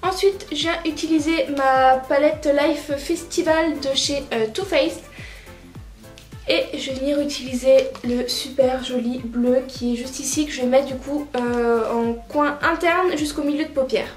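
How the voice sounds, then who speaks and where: A woman narrating a makeup tutorial as a vlogger, chatty and relaxed with lots of filler words. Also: high-pitched, unhurried. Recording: roomy echoey room, faint music.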